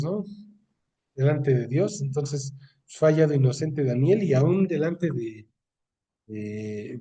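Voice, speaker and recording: A man's voice: on the high side, mellow, far from the mic. A man with a Mexican accent leading a Bible study, reading scripture aloud and explaining it in a conversational way, often checking in with "¿no?". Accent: Mexican Spanish. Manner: conversational, often asking ¿no? for agreement.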